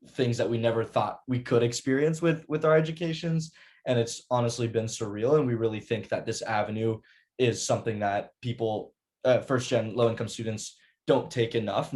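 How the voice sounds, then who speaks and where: Young male student presenter, low-pitched, earnest, restarts often, on a video call. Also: darkish tone. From United States. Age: young adult. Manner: earnest, many fillers and restarts. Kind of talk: prepared presentation.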